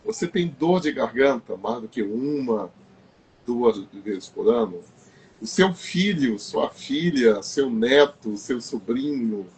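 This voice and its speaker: A man's voice: medium pitch, animated, takes it slowly, darkish tone, husky. A man hosting a live health stream, emphatic and repeating his key phrases. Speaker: host.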